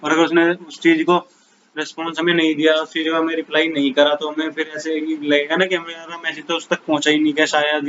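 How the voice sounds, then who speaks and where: A man teaching an exam-prep lesson in casual Hindi mixed with English, reading English definitions slowly and calling viewers bhai and guys. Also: fairly high pitch, bright, forceful tone, dull audio, a little hiss or hum.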